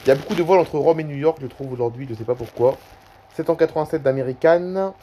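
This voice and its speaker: A man's voice: on the high side, quick pace, mellow, slight background noise. Rambling man narrating his screen. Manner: rambling, hesitant, self-correcting. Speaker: YouTuber. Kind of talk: casual screen-recording commentary.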